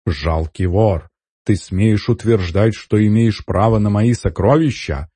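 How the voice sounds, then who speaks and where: A man voicing a haughty, menacing shapeshifting treasure guardian in a storybook reading, speaking slowly and with contempt. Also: mellow, husky, no room sound. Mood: furious. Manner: contemptuous, menacing, slow and low.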